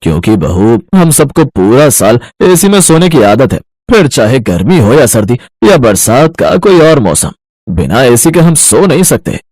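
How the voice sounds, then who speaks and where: Older father-in-law, slow and deep, explaining, a man putting it on. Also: big pitch swings, a little mellow, no echo. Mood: matter-of-fact.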